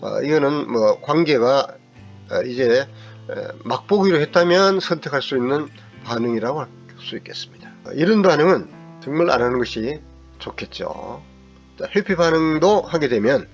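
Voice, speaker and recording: A middle-aged man lecturing as a counseling psychologist, explaining step by step and sometimes acting out angry remarks in a raised voice. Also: mid-range voice. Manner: acts out angry quoted lines in a raised voice. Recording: slightly dull recording with faint guitar music.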